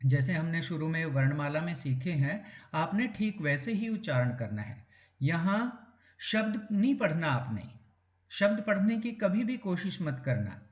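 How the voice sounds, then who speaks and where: A man's voice: fairly high pitch, sing-song. Patient man teaching children, echoey room. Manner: patient, repeats words slowly to drill pronunciation. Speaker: Sanskrit teacher. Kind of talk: classroom lesson explaining to children.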